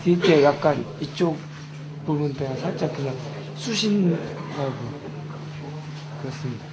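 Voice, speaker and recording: A man's voice: on the high side, animated, measured pace. A young man, a military recruit, answering questions in a medical exam. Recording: noisy room recording.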